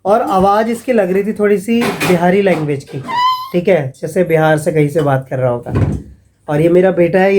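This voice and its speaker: A man's voice: high-pitched, darkish tone, slight background noise. A man, vlogging in a casual, chatty way and calling his viewers friends as he mockingly retells scam calls. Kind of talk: casual vlog warning viewers.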